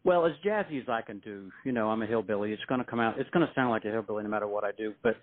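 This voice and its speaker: A man's voice: fairly low pitch, racing. A man talking casually as a musician guest in an interview, with a folksy, self-deprecating manner. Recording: thin, phone-like line.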